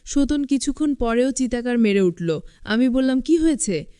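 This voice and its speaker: A woman narrating a scripted first-person story in an even storytelling manner. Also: on the high side, normal speed, clear, resonant tone, no echo, studio quality.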